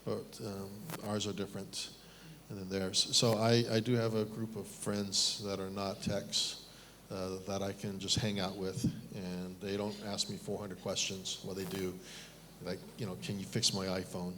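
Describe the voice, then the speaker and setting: A man's voice: low voice, flat delivery, a little slow, fairly bright tone, a little hiss or hum. A middle-aged man from Taiwan speaking on a panel at a fireside chat, candid and self-deprecating, with frequent restarts.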